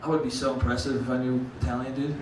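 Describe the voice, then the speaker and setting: Talking very fast at a medium pitch with little pitch movement, this young stand-up comedian swears freely and calls the audience dude and bro as they laugh. The recording is very noisy, capturing roomy club sound from afar.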